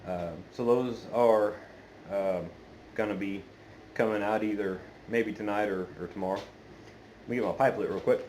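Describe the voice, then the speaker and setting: Male hobby vlogger, lowish pitch, hesitant rambling conversational delivery, noisy homemade phone audio. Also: steady tone, a little mellow. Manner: hesitant, meandering, halting delivery. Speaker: pipe-smoking video channel host. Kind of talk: casual unscripted chat to viewers. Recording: clearly noisy amateur phone recording.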